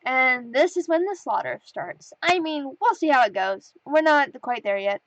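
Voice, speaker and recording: Young woman w/ a high voice reading her comic comments, giggly and animated, dry close sound. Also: normal speed, no room sound, low-quality recording. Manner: animated, laughs often, reads comments aloud with playful voices. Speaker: webcomic artist reading comments. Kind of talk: casual chat.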